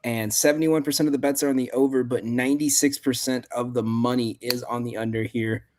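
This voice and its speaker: A man's voice: medium pitch, fairly even intonation, a little fast, a little mellow. A man hosting a sports betting show, reading out spreads and percentages and passing to each panelist. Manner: reads out betting lines and percentages, hands off to panel. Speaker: host.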